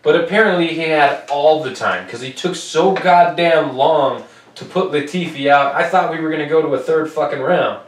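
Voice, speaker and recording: This co-host of a laid-back US sports podcast is a young man whose slightly high voice moves at normal speed. He's loose, profane, and quick to crack jokes. The recording has a roomy, far-off mic quality and a bit of background noise.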